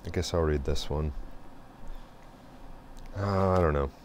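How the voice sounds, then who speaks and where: A man hosting a reflective monologue, speaking slowly and thoughtfully with many pauses and fillers. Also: a bass voice, a little hiss or hum. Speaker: host.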